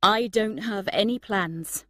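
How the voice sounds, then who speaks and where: A woman reading the flat, uninterested lines of a carefree young man in a storybook reading. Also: mid-range voice, slow, no echo.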